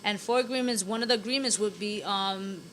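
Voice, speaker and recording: Bright, animated woman co-host. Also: medium pitch, slight background noise, rough recording. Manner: animated, quick to laugh, loose slang. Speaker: podcast co-host. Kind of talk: casual chat. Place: graffiti-walled studio, indoors.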